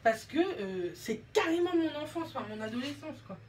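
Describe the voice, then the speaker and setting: A woman's voice: sits high, big pitch swings, normal speed, a little mellow, slight background noise. A young woman from France chatting casually and rambling with self-mockery while doing her makeup at home. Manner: rambling, self-mocking, slangy. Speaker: beauty vlogger.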